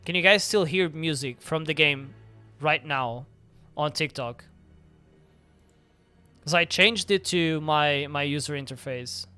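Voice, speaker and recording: A man's voice: fairly high pitch, unhurried, pauses often, pushed and bright, smooth. A young man streaming a video game live, chatting casually and rambling with lots of filler words. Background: faint game music.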